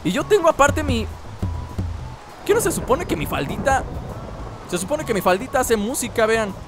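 A man with a Mexican accent chats through a video game in a high voice that swings all over the place. He jokes with his viewers as he plays, and game music runs behind him. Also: big pitch swings, moderate pace. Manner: playful, jokey, talks to viewers while playing. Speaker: gameplay commentator. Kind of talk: casual gaming commentary.

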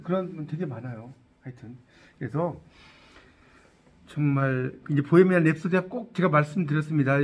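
Speaking at a fairly high pitch, with the highs cut off, a middle-aged man lectures on English in Korean. He keeps things lively, putting questions to students and joking as he teaches.

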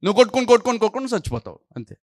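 A male pastor with a fairly high voice delivers a sermon, scolding and peppering the congregation with pointed questions. He sounds close to the mic in a dry, dead room. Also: big pitch swings, very fast, a little mellow, dry recording.

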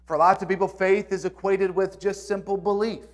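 A man preaching a sermon as pastor in a church, earnest, moving between loud emphasis and soft, hushed reading. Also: high-pitched, flat delivery, normal speed. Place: church sanctuary.

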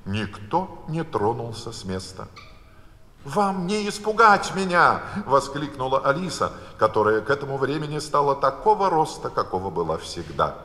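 A man with a deep bass voice reading a fairy tale aloud in a live palace concert. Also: big pitch swings, a bit bright. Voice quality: basso profondo. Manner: slow, theatrical storytelling. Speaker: concert reciter. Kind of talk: live literary-musical recital. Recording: live concert hall reverb.

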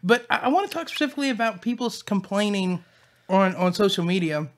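An earnest co-host of a hot-sauce episode, sweating from the heat, who keeps repeating and restarting words. The voice sits at a middling pitch, and the talk is loose and conversational. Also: fast. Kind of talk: casual chat while eating hot sauce.

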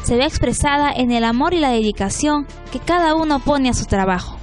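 High-voiced woman narrating a news feature. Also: a little fast. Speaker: reporter. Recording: background music under voice-over.

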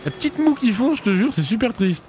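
Brisk and lively, a high-voiced French male streamer narrates his video game session in casual live commentary. He chats animatedly, laughs a lot, and responds loudly to what happens.

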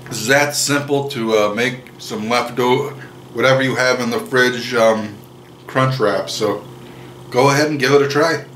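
A man in his thirties with a mid-range, slightly bright voice cooks and tastes on camera at home, moving through the kitchen and dining room. His delivery is slow, relaxed, and full of jokes, with chewing between comments and some faint background noise.

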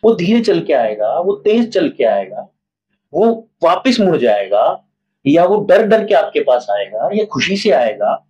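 A playwright speaks in a relaxed interview, full of animated stories and acted-out examples. His voice sits high and has a husky edge. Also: measured pace, rough recording. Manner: animated storytelling, acts out examples. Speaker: playwright and theatre director. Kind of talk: casual interview talk.

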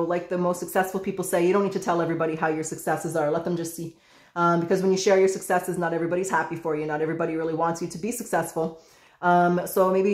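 A woman giving a casual tarot reading, chatty and excitable, who swears freely. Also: fairly low pitch, reverberant. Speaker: tarot reader.

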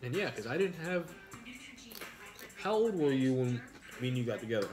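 A man's voice: medium pitch, sing-song, normal speed, music in the background. Crude joking man in his thirties. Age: 30s. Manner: crude, joking, reads viewer names aloud. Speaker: mukbang streamer. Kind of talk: casual live-stream chat while eating. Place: home kitchen at a dining table.

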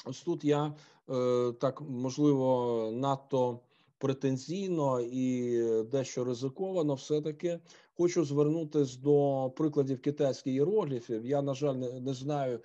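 A man giving an online philosophy lecture, halting often with filler sounds. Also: medium pitch, fairly even intonation, dark tone. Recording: dull lo-fi audio.

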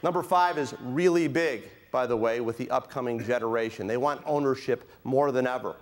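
A man's voice: mid-range voice, a little fast, soft background music. A middle-aged man giving a keynote speech at a conference, joking with the audience and asking for a show of hands. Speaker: keynote speaker. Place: conference hall with a live audience.

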